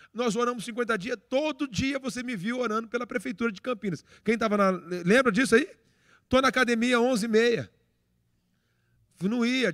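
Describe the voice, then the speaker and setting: A Brazilian pastor preaches in a quick, high-pitched voice and tells personal stories with lively acted-out dialogue. The sound is dry and close, with no room echo. He is middle-aged and animated. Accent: Brazilian Portuguese. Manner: animated storyteller, acts out dialogue, frequent restarts. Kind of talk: sermon with personal storytelling.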